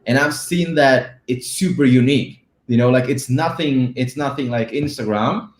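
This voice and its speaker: A man from the Czech Republic, a guest in an interview, talking in a relaxed, rambling way and often checking in with "right?". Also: mid-range voice, normal speed. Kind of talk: casual interview talk. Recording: roomy echo.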